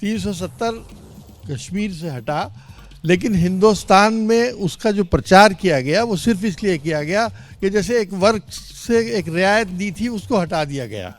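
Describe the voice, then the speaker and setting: A male party representative speaking in a measured way in an outdoor debate, asking not to be interrupted. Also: sits high, animated. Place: outdoor public gathering.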